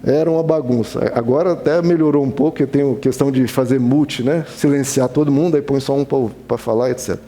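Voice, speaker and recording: A man's voice: mid-range voice, steady tone, quick pace, hardly any pauses, dark tone, a little hiss or hum. A man preaching a sermon as a pastor, earnest and conversational, acting out little dialogues.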